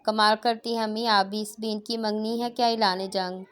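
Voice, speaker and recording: A woman's voice: mid-range voice, fairly even intonation, normal speed, clear, resonant tone, close to an everyday voice. A woman reading the lines of a stubborn, studious young son in a novel, speaking indignantly and insistently.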